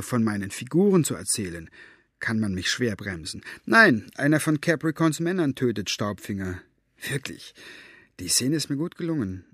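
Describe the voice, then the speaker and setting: A man voicing an excitable elderly author who is vain about his characters and rambles about them. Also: medium pitch, no room sound, clean studio sound, voice pushed up. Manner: animated, self-satisfied rambling. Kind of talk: audiobook character voice.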